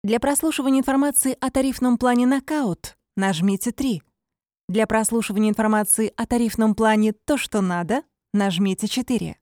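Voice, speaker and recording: A woman reading scripted phone menu prompts in a measured, formulaic announcer's manner. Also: fairly high pitch, warm tone, no echo, clean studio sound.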